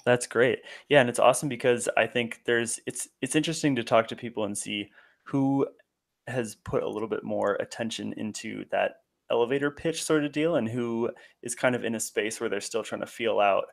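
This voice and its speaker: Gravelly laid-back male podcast host. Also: mid-range voice, moderate pace. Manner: laid-back, says "awesome" and "cool" a lot, long-winded questions. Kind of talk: casual interview hosting.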